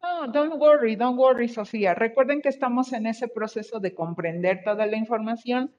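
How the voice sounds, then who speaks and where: A woman teaching an online English class, switching between Spanish and a Mexican-accented English, encouraging her students and slowly repeating their answers. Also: fairly high pitch, a little mellow. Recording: dull lo-fi video call audio.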